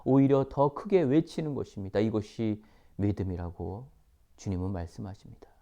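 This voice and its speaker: A missionary preacher, a man with a low, mellow voice, delivers a sermon. He reads scripture slowly and emphatically, repeating key phrases. At times he drops his voice to a whisper. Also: muffled recording.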